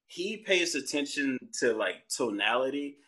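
A relaxed, slangy man talks with a friend in a bright, forward voice. He keeps checking in with his listener as he explains his ideas, his pitch sitting in a middle range. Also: measured pace. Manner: slangy and relaxed, says "bro" and "you know what I'm saying". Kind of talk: casual chat.

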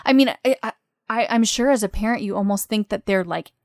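A woman's voice: mid-range voice, fairly quick, a little mellow, no room sound, studio quality. A young woman host candidly telling a personal story in a chatty way, full of fillers and restarts. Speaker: podcast host.

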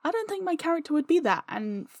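In a casual chat, a woman who creates audio dramas appears as an interview guest, telling wry anecdotes and acting out remarks. Her very high voice is fast and highly animated, with no echo.

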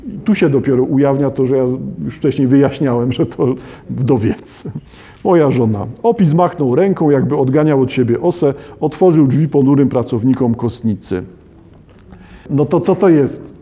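A man's voice: mid-range voice, normal speed, mellow, breathy edge. A man reading passages from a novel aloud and breaking off into analytical, conversational commentary. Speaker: literature lecturer.

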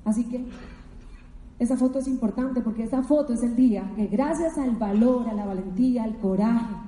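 Her voice a little high and warm at a normal speed, a middle-aged woman from Colombia works as a motivational speaker, sharing her story emotionally and emphatically with frequent repetition. The recording comes from an echoey hall with long reverb.

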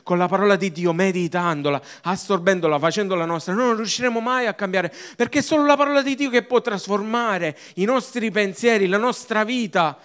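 A male pastor preaching a sermon with emphatic, repetitive phrasing that drops from loud to hushed. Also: sits high, clean tone.

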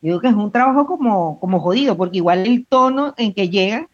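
A woman, co-hosting a podcast, expressive and thinking aloud. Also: medium pitch, quick pace. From Venezuela. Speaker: podcast co-host, trained actress. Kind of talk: casual podcast chat. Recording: dull lo-fi audio.

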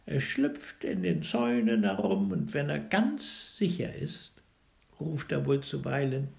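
A man tells an old fairy tale slowly and with a lively, swinging melody, sometimes sinking to a near whisper. His fairly high voice has a gravelly, creaky texture. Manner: expressive, dramatic storytelling with hushed passages. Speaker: storyteller.

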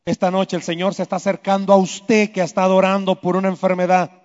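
A man preaching a sermon, swinging between loud emphatic lines and hushed low ones. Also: level tone, quick pace. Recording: echoey hall, dull lo-fi sound.

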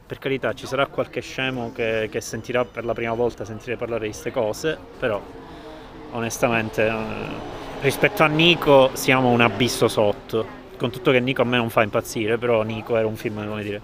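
A man's voice: mid-range voice, fairly even intonation, normal speed, background noise. A man hosting a casual film review chat, blunt and dismissive, restarting phrases often. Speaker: film podcast host.

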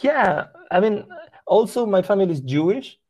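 A young Chilean musician and native Spanish speaker, with a Chilean Spanish accent, appears as a guest in a casual interview. His voice is high-pitched with lively intonation, a little mellow, at normal speed, and he's hesitant, full of restarts and fillers. The sound is lo-fi.

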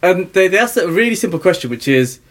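A man hosting a casual podcast chat who laughs often and drops into a flat, bored voice to mock scripted calls. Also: sits high, fast talker.

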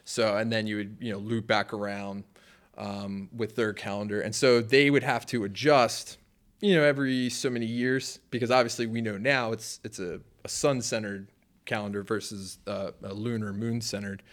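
A young man with a fairly low voice talks through church history on a podcast. He rambles, restarts and leans on fillers like "you know" and "like", keeping it loose and conversational. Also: fairly even intonation, moderate pace, a bit bright. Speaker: pastor and podcast co-host. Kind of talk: casual podcast discussion.

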